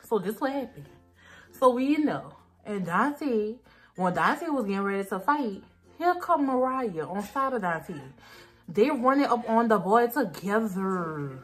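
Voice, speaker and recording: A woman's voice: a little high, lively intonation, a little slow. Tipsy young woman, rambling. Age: young adult. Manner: slangy, profane, repeats herself. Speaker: makeup vlogger. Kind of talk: casual storytelling chat. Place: small dim room indoors. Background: faint music.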